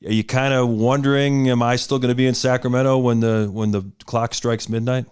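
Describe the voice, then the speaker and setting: A man's voice: mid-range voice, flat delivery, brisk, darkish tone, clear, resonant tone. A man hosting a podcast, reading out news items and then putting a question to his guest. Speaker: podcast host. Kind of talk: podcast interview.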